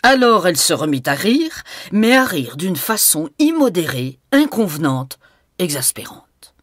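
A woman's voice: fairly low pitch, big pitch swings, unhurried, dry recording, studio quality. A woman narrating an audiobook in an intimate tone, now and then dropping to a whisper.

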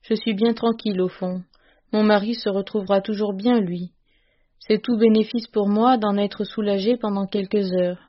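A woman's voice: mid-range voice, fairly even intonation, moderate pace, highs cut off, lightly acted. A woman reading a scornful, bossy young wife. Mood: amused. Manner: scornful, scolding. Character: sharp-tongued scolding young wife, bossy.

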